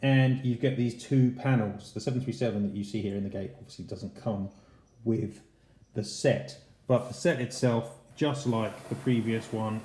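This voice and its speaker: A man with a lowish, mellow voice hosts his channel's casual unboxing review of model airports. His talk is conversational and explanatory, captured in a spacious, echoey room.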